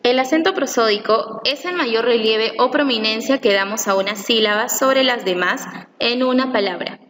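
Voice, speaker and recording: A woman reading a scripted lesson aloud, slowly and carefully, stressing each syllable she explains. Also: a little high, a bit bright. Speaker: teacher. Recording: long reverb, faint room noise.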